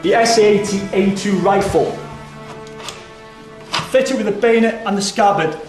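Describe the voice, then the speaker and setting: A man's voice: high voice, unhurried, a little mellow, soft background music. A man giving a firm, explanatory weapons demonstration as an instructor. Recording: very echoey room.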